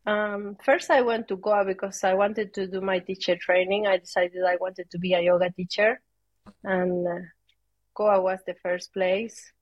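A woman's voice: medium pitch, steady tone, normal speed, no echo, dull audio. A woman from Peru speaking English with a Peruvian Spanish accent, a yoga teacher chatting as an interview guest, hesitant and searching for words. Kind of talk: casual interview chat.

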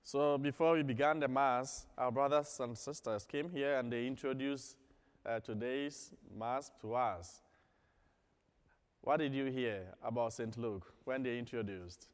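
A man serving as priest, proclaiming the Gospel and preaching at Mass in a measured, deliberate way, his voice ringing with cathedral echo. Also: medium pitch, smooth. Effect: cathedral echo, long church reverb. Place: large church during Mass. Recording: long reverb of a large church.

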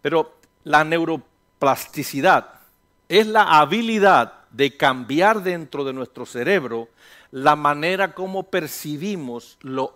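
A middle-aged pastor delivers a sermon in a relaxed, conversational way. His voice sits a little high for a man. He acts out the voices in his head and teases his congregation between points.

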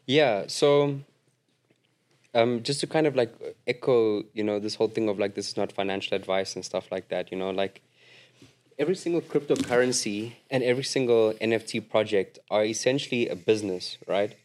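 A man with a fairly low voice talks casually about investing on a podcast. His speech is loose and full of fillers like "you know." He sounds relaxed and conversational. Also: normal speed.

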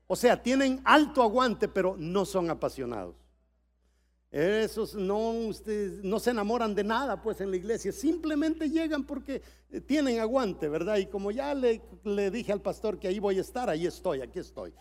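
At a church conference, a middle-aged Salvadoran man preaches a sermon, dropping into quiet storytelling before building to shouted exhortation. His voice sits high with lively intonation, at a moderate pace.

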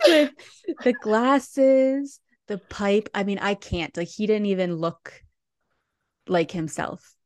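A woman's voice: medium pitch, fairly even intonation, unhurried, no echo, studio quality. A woman co-hosting a podcast, recapping a musical in casual, rambling chat full of restarts. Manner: chatty, lots of "like" and restarts. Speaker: podcast co-host.

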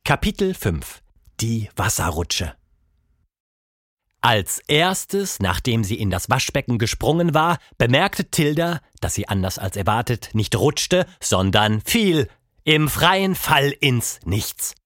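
A man narrating a children's audiobook in a lively, expressive reading style. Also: medium pitch, takes it slowly, no echo, studio quality. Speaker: storyteller.

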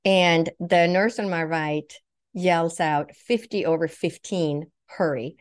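Low-voiced Swedish-born woman telling her story. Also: slow pace. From Sweden. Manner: vivid, acts out quoted thoughts and speech. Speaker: guest. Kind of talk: personal storytelling.

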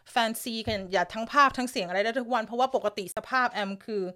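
A woman from Thailand hosts a loose, chatty live stream from an upstairs room at home. Her voice sits a little high, and she giggles often as she answers viewers. A lingering cough hangs about her. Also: fast talker, pushed and bright. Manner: chatty, giggly, reads viewer comments aloud. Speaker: live-stream news host. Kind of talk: casual live-stream chat.

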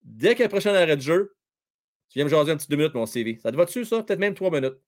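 A man with a Québécois accent calls hockey on his live stream, his fairly high voice leaping up and down in pitch as the play swings. He bursts into shouts at scoring chances, then drops back to casual banter with his viewers. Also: rapid-fire. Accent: Québécois French. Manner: animated, shouts at big plays, chats with chat viewers. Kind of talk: excitable live play-by-play commentary.

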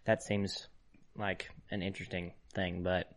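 A man's voice: low voice, little pitch movement, unhurried. A young man co-hosting a podcast, chatting casually with short, dry, laid-back replies. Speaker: podcast co-host. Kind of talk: casual chat.

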